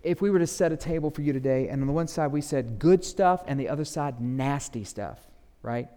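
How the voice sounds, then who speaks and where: A man preaching a sermon as pastor, acting out quoted voices and swinging between loud emphatic lines and hushed ones. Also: fairly high pitch, a little fast, big-room sound. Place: church sanctuary.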